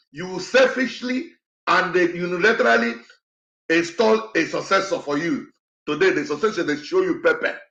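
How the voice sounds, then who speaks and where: Impassioned man, high voice. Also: a bit bright, reverberant, lo-fi sound. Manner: impassioned, repetitive, halting when upset. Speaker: show host. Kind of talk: emotional commentary to an online audience.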